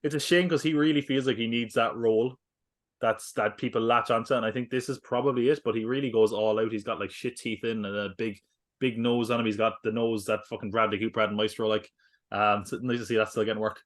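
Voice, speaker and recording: A male podcast co-host chats about films in a casual, rambling way. His voice sits at an ordinary middle pitch, and his talk is peppered with fillers and quick jokes. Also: steady tone. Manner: rambling, filler-heavy, jokey asides. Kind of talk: casual film review chat.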